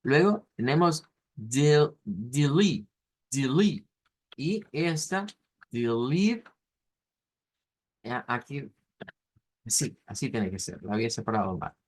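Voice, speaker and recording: A man's voice: medium pitch, very animated. A male teacher explaining pronunciation in a class, saying each word several times and breaking it into syllables. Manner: repeats words slowly, splitting them into syllables.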